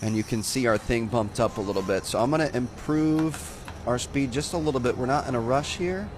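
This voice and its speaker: A relaxed young man talks through his gameplay in a loose, chatty way, calling the listener "dude" now and then. His voice sits at an ordinary pitch for a man. A faint hiss of noise runs under it. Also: fairly quick. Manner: laid-back, chatty, says "dude" often. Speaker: gaming channel host. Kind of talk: casual gameplay commentary.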